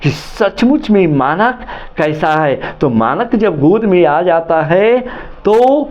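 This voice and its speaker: A man's voice: fairly high pitch, lively intonation, takes it slowly, dull audio. A man who, as a teacher, retells a story for a lesson in a dramatic, repetitive way.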